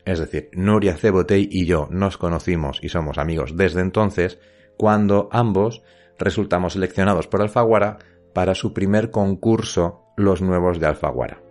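A middle-aged man with a Castilian accent from Spain and a very low voice hosts a literary podcast. He talks straight to the listener like a storyteller, with music behind him. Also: normal speed, a little mellow. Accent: Spanish from Spain. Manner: conversational, addresses the listener directly. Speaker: podcast host.

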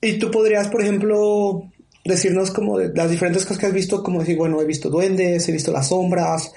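A man's voice: sits high, steady tone, a little fast, gravelly, mellow. A man interviewing a guest, asking curious follow-up questions in a casual way. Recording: roomy, echoey room.

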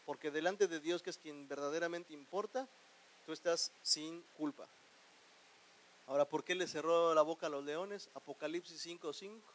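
A pastor with a high voice delivers a sermon in a lively, animated way. He keeps asking his listeners questions and tells them to repeat phrases after him, and he swings between quiet lines and sudden loud bursts. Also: rough recording.

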